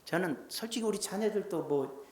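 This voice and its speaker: Animated male pastor in echoey church. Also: high voice, moderate pace. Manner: lively, folksy preaching that swings between loud and hushed. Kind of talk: Sunday sermon. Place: church sanctuary. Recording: roomy church sanctuary echo.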